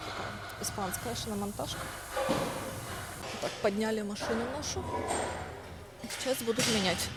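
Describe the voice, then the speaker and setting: Heavy background noise surrounds a young vlogger whose high-leaning voice moves at normal speed with frequent pauses. A Russian speaker living in Spain, she tells everyday stories to her viewers in a chatty way, performing the dialogue she quotes.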